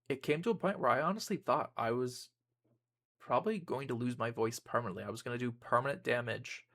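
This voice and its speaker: Rambling through a laid-back personal update for his viewers, this young streamer and YouTuber stumbles into lots of ums and restarts. He speaks at medium pitch with a slightly bright tone.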